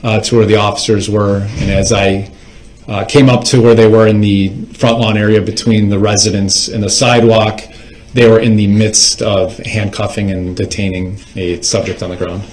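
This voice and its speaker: An echoey courtroom carries the fairly low voice of a man on the witness stand. He is a police officer giving testimony in formal, procedural phrasing, measured and factual. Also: flat delivery, a little mellow. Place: indoors in a courtroom.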